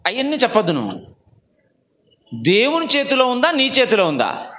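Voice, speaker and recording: A man preaching a sermon, quizzing the congregation and having them raise hands. He swings from low asides to shouted calls. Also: huge pitch swings, moderate pace, muffled recording. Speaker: pastor.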